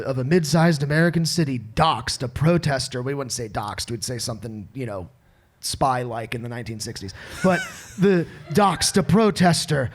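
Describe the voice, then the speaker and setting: A man hosting a live podcast taping, talking casually and jokily, swearing and laughing as he goes. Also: mid-range voice. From Florida. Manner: jokey, animated, swears and laughs often. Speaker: podcast host. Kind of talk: casual live-show banter.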